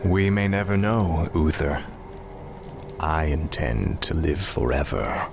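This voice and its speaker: An actor playing a cold, arrogant young prince turned death knight in a fantasy video game, menacing and dismissive. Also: male voice, a bass voice, expressive, takes it slowly, vocal fry, heavy background noise, full character voice. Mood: menacing, mocking.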